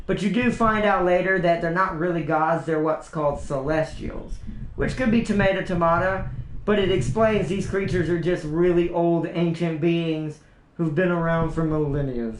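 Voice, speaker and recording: A young man with a high voice for a man talks in a loose, rambling livestream chat, restarting sentences and chuckling as he goes. His voice rings in a roomy, echoey space. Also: moderate pace. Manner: rambling, chatty fan talk with restarts and laughs. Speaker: livestream host. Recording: roomy echo.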